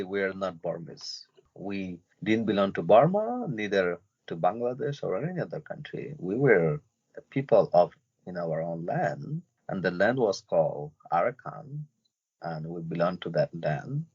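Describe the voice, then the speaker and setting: Podcast guest from Myanmar: low husky male voice, halting delivery, muffled lo-fi sound. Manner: halting, with many fillers and restarts. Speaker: interview guest, refugee and journalist. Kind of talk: casual interview talk.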